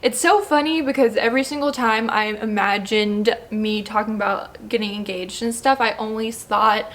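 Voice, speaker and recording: A young woman in her twenties chatting casually to her vlog audience, emotional and teary, gushing with excitement and sniffling from crying. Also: on the high side, normal speed. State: tearful, sniffly. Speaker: vlogger. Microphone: camera mic with ring light.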